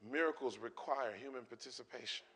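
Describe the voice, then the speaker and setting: A man's voice: mid-range voice, fairly quick, a bit bright. Emphatic male preacher in a reverberant hall. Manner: emphatic, repetitive preaching delivery. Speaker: guest preacher. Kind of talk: sermon.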